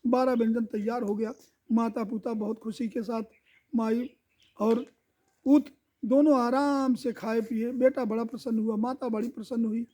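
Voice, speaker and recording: A man telling a devotional folk tale in a lively oral style, repeating sound words. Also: very high voice, normal speed. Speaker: storyteller.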